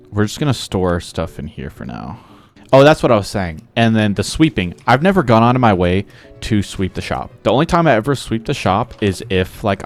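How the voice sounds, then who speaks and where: A young man with a very low voice tells a meandering story about his job while he plays. He talks casually and leans hard on filler words, with soft game music under him. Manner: rambling, heavy filler words. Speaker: gaming vlogger.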